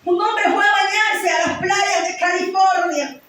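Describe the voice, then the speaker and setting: Shrill-voiced woman preacher yelling her sermon, big echoey church, mic way back. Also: fairly even intonation, a little slow. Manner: impassioned preaching, mostly shouted, dropping to low hushed tones. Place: church hall. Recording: very echoey hall, mic far off, faint noise.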